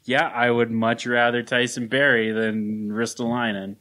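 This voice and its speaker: A man's voice: mid-range voice, level tone, measured pace, sharp tone. A man co-hosting a casual sports podcast, blunt and sarcastic, laughing often. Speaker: podcast co-host.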